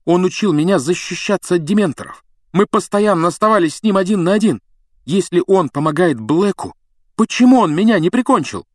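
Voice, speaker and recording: A man voicing a defiant teenage boy who pleads and shouts in a strained, raised voice. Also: sits high, animated, fairly quick, no room sound, clean studio sound, pitched above the performer's own voice. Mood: pleading. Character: defiant teenage boy wizard, brave and desperate.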